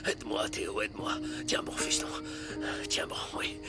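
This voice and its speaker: A man's voice: normal speed, over loud music, natural voice. An actor in a dubbed telenovela playing a grief-stricken father who pleads, crying, with his dying son. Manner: pleading, broken, urgent.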